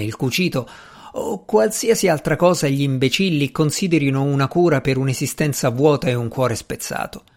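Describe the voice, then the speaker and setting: A man's voice: mid-range voice, natural voice. A man reading aloud voices a grieving, proud society lady with a cutting, scornful manner.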